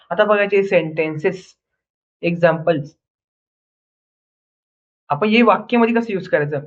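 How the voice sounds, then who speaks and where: High-voiced young male teacher drilling words. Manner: repetitive question-and-answer drilling; says "ठीक आहे" constantly. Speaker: English grammar teacher. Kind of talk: online lesson in Marathi. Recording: tinny phone-like audio.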